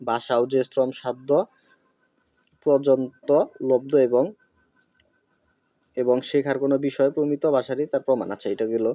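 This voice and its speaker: A man's voice: mid-range voice, level tone, normal speed, pauses often, warm tone, no room sound, lo-fi sound. A man teaching a school grammar lesson. He asks questions and answers them himself, with many fillers.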